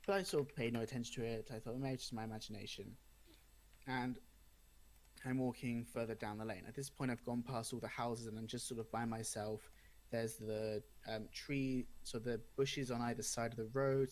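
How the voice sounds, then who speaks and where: A young adult man casually telling a spooky personal story, acting out the dialogue as he goes. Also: medium pitch. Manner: animated retelling with acted-out dialogue.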